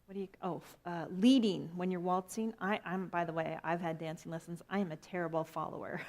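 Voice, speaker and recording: A woman's voice: on the low side, steady tone, fairly quick, darkish tone. Middle-aged woman pastor, sermon, chatty and playful, pokes fun at herself. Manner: conversational and playful, with self-deprecating asides. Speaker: minister.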